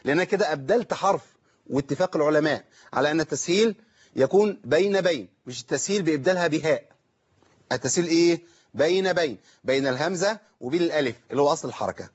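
A man with an Egyptian Arabic accent teaches Quran recitation at a quick pace, with a voice pitched a little above the usual. He keeps asking rhetorical questions and then slows down to recite words as examples. The sound is dull and lo-fi. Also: lively intonation, breathy edge. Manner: explains by asking himself questions, then demonstrates slow, drawn-out recitation. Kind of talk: tajweed lesson answering viewer questions.

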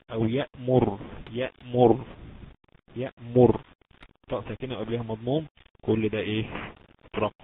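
A man with an Egyptian Arabic accent teaching Quran recitation rules in an online lesson, drilling points patiently and stretching out example words slowly. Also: on the low side. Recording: tinny phone-like line with background noise.

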